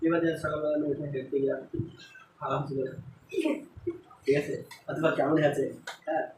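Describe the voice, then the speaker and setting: Brief: male classroom tutor, slightly high voice, recorded from afar in a roomy classroom. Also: flat delivery, moderate pace, recorded from a distance, noisy background. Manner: explains line by line, quizzes the class. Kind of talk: classroom English lesson.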